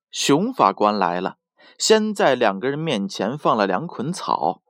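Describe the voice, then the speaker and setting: A man narrating a children's bedtime story in a slow, gentle, soothing voice. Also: medium pitch, dry recording, clean studio sound.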